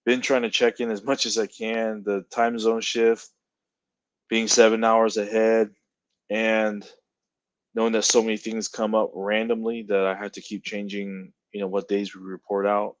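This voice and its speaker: Relaxed low-voiced man on a video call. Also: normal speed, no room sound, highs cut off. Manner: relaxed, upbeat, with fillers. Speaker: community coordinator. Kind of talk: casual check-in update.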